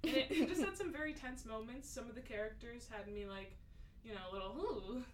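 A woman's voice: a little high, fast talker, reverberant, distant mic, crowd noise. A young woman co-hosting a casual podcast, reviewing a film in a laid-back, playful way with lots of fillers. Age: young adult.

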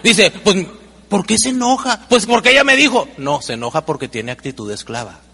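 Man, motivational speaker, high voice, gravelly, animated seminar talk, long hall reverb. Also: brisk. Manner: animated, acts out dialogues with humor.

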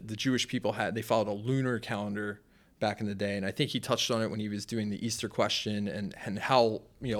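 A young man who preaches, talking casually on a podcast in a rambling way with lots of fillers. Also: fairly low pitch. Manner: rambling, conversational, with many fillers. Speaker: pastor and podcast co-host.

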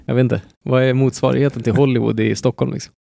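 Guy in his 30s hosting a podcast, goofy and rambly, kinda gravelly, dead dry room. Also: medium pitch, level tone, mellow, dry recording. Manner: joking, rambling, full of fillers and restarts. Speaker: podcast host. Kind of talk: casual film podcast chat.

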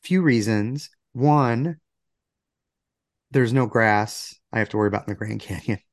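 A man with a gravelly voice, still recovering from illness, chatting casually as a podcast co-host. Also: fairly low pitch, unhurried, dry recording. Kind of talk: casual banter.

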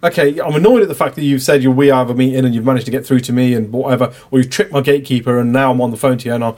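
A man in casual podcast chat, talking quickly and animatedly, acting out sales calls with swearing and laughter. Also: mid-range voice, steady tone, a little mellow.

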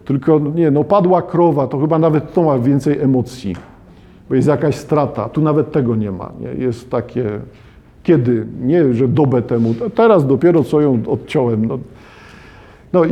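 A man reads passages from a novel and stops to analyze them in relaxed, conversational asides. His voice is very dark and mellow, pitched a little high for a man. He moves between steady reading and thoughtful explanation. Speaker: literature lecturer. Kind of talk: reading a novel aloud with commentary.

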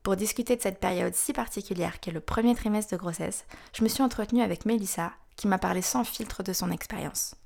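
A woman's voice: mid-range voice, fairly quick, creaky, hardly any pauses, darkish tone. A woman in her thirties hosting a podcast, reading scripted narration in a frank, wry, confiding way. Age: 30s. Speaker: podcast host.

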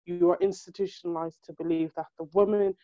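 An animated woman talks casually, throwing herself into her stories and acting out other people's lines with exasperation. Her voice is mellow and relaxed. The sound is dry and a little dull. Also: on the low side, fast talker, dry recording. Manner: animated, exasperated storytelling with acted-out quotes. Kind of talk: casual chat.

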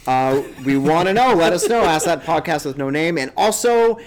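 A man's voice: fairly high pitch, expressive, moderate pace, a crowd in the background. A man hosting a casual gaming podcast, chatting with friends and wrapping up the episode. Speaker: podcast host. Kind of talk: casual chat.

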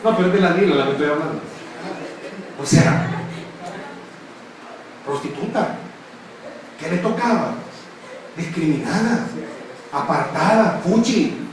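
A man's voice: on the high side, animated, a little slow, pauses often, far from the mic. A young man, preaching a humorous youth sermon, teasing the crowd and acting out quotes. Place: church. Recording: echoey church hall, preacher off-mic, crowd behind.

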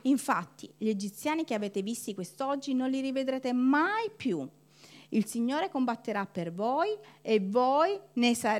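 A woman pastor preaching a sermon, acting out the people in her story and laughing as she goes. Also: fairly high pitch. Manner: animated, acts out quoted voices with laughter.

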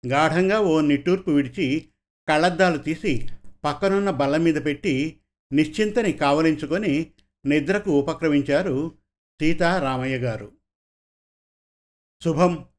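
Male narrator for an audio short story, measured and gentle. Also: a little high. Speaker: story reader. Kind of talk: scripted narration.

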